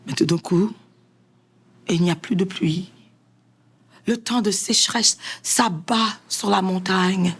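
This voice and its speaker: A woman storyteller, in a lively sing-song telling style. She takes her time, and her voice has a gravelly, creaky texture. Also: fairly high pitch. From Haiti. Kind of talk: storytelling performance.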